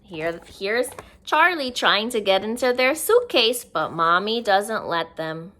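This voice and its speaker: At a medium pitch and a slow pace, a woman reads a picture book to young children in a very animated, slightly bright way. Simple asides explaining the story are woven into her expressive reading.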